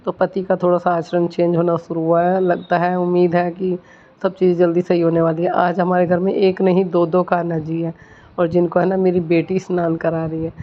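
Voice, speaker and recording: A woman's voice: fairly low pitch, flat delivery, moderate pace. A woman vlogging her morning routine in a home kitchen, talking through her chores in a chatty, homely way. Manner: chatty, homely, explains while doing chores. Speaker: village vlogger, mother. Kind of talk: casual vlog narration of daily routine. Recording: slightly dull lo-fi audio.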